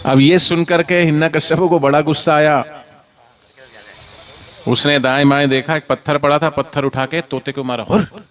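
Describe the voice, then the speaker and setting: Guy telling a religious story to kids, keeps asking them to answer back, energetic. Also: fairly high pitch, moderate pace. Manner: animated, call-and-response prompts. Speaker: spiritual storyteller. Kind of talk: devotional storytelling to children.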